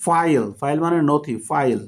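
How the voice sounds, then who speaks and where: Slow-explaining man teaching English syllables. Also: on the high side. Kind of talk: spoken English lesson.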